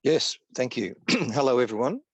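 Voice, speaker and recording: A man with an Australian accent speaking on a video call, slow and deliberate, pausing often with "uh" as he explains his work. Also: medium pitch, animated, slightly rough, no echo. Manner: slow and deliberate, many "uh" pauses. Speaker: co-founder of a consulting firm, guest speaker. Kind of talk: measured presentation on video call.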